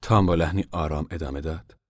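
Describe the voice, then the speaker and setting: A man narrating a novel in a calm, measured audiobook reading. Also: a bass voice, dry recording, studio quality. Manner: calm, measured storytelling, at times hushed.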